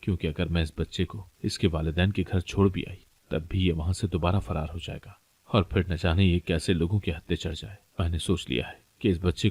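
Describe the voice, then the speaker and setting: A man's voice: sits low, a little mellow, slightly rough, no room sound. A man voicing an anxious, kind-hearted childless wife in a plain reading voice.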